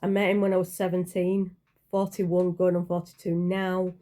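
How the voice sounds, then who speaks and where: A woman's voice: lowish voice, monotone, moderate pace, dark tone. A woman in her forties chatting casually in a vlog, rambling and hesitant, with many fillers and self-corrections. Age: 40s. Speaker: channel creator.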